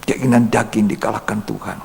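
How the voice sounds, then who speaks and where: A male pastor telling a story, quoting people in a hushed voice and then urging his congregation forcefully. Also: fairly low pitch, fairly even intonation, a little fast, vocal fry. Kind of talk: Bible study sermon. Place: church hall. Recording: long reverb in a church hall, faint hum.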